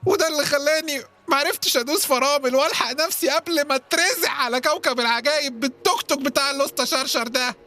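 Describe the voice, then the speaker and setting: A woman's voice: sits high, racing, hardly any pauses, sharp tone. A woman voicing Farid, a worn-out boy with a cramp in a children's audio drama, who groans and complains. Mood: weary.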